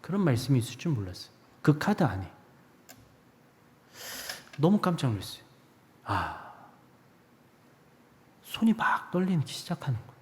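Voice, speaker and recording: A man preaches in a church sanctuary, his fairly high voice swinging between loud and hushed as he acts out his own thoughts. The sound carries a long echo from the hall. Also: sing-song, moderate pace, pauses often. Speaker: guest preacher. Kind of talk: sermon.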